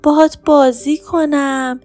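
A woman's voice: high-pitched, steady tone, a little mellow, faint music behind, pitched above the performer's own voice, close to an everyday voice. A woman voicing a young boy in a children's story who grumbles and lectures about caring for his pet, yet stays patient. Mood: grumbling.

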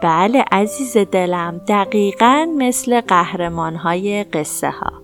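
A woman voicing a gentle, caring mother rabbit in a children's story, talking slowly and tenderly. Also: mid-range voice, soft background music, close to an everyday voice. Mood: soothing. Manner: slow soothing tender.

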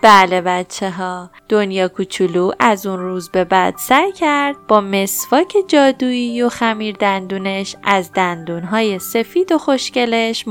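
A woman storyteller reading a bedtime story to children, speaking to them directly and affectionately. Her voice sits in a middle pitch, with faint music behind her. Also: smooth. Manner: warm, addressing children directly.

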